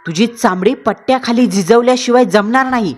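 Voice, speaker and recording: A woman's voice: fairly high pitch, brisk, slight background noise, voice pushed up, close to an everyday voice. A woman voicing a raging possessed husband. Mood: furious. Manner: harsh shouting, scolding.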